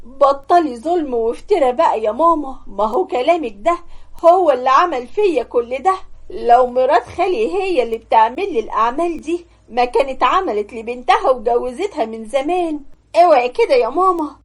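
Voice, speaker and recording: A woman's voice: high-pitched, expressive, a little fast. A woman voicing a frightened young bride with an Egyptian accent, crying and pleading. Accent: Egyptian Arabic.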